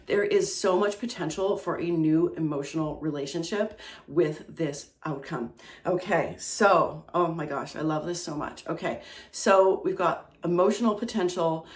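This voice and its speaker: A woman talks through a tarot spread in a chatty, animated way, often checking in with her listeners. Her voice sits a little low, and the room has a noticeable echo. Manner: chatty, animated, with many fillers and "okay?" check-ins. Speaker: tarot reader. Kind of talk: casual tarot reading to camera.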